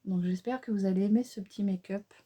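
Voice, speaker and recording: Fast and mid-range in pitch, this woman is a beauty vlogger chatting directly to her viewers during a casual makeup tutorial. She hesitates a lot, uses many fillers, and gets excited about the colors.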